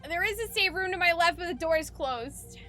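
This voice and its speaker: A woman live streamer chatting playfully and excitably with her viewers over a video game, reacting expressively in a gamer girl manner. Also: extremely high pitch, a little fast. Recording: game music behind the voice. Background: game music.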